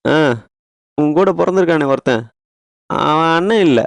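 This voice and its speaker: A man's voice: fairly high pitch, animated, unhurried, vocal fry, a little hiss or hum. An actor playing a bandaged young male student in hospital, complaining and sarcastic in a TV serial. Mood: sarcastic complaint. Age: young adult. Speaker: injured college student in hospital. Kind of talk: TV serial acting. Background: background music.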